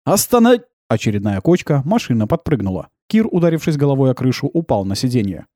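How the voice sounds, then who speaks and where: A man narrating an adventure audiobook with expressive storytelling. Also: mid-range voice, fast, no echo, studio quality.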